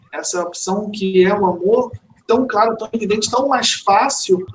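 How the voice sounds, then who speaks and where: A calm, soft-spoken study group leader talking to a group online. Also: medium pitch, a little hiss or hum, poor audio.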